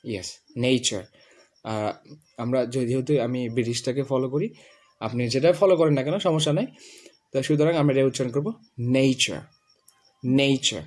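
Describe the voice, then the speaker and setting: A man's voice: mid-range voice, mellow. Bengali-accented male pronunciation teacher. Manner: drills words slowly, repeats them for a student. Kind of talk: classroom lesson.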